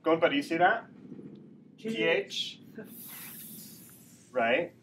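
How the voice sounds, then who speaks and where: Male ESL teacher drilling phonics; unhurried delivery, distant mic in a noisy room. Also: a little high, lively intonation, a bit bright. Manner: instructional, repeats sounds and checks with "right?". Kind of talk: classroom phonics lesson, slow drilling. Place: classroom. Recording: echoey room, distant mic, background noise.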